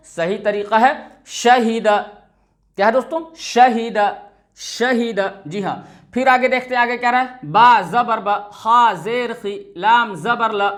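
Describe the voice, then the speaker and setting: High-voiced man teaching letter drills. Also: fairly bright tone. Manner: drills syllables slowly, then asks and answers his own questions. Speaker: Quran reading teacher. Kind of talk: step-by-step recitation lesson.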